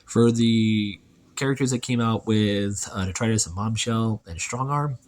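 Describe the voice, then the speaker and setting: A man casually reviewing a toy, chatty and relaxed, thinking aloud as he handles it. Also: lowish voice, unhurried.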